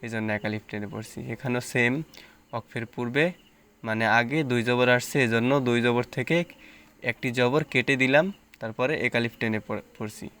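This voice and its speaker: A man teaching Quran reading, spelling out letters and reciting words slowly between plain explanations. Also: mid-range voice, steady tone, a bit bright, clear, resonant tone.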